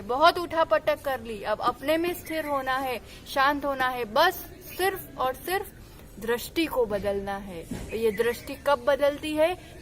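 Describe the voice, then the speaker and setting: High-voiced woman preaching earnestly. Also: a little hiss or hum. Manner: earnest, exhorting, rising to emphatic calls. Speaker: Jain nun giving a discourse. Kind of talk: devotional sermon with storytelling.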